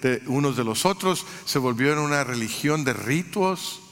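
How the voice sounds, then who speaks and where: A man's voice: mid-range voice, animated, moderate pace, a bit bright. A man from Mexico preaching a sermon in an earnest way, building lists of phrases and sometimes restarting his words. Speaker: pastor. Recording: long hall reverb.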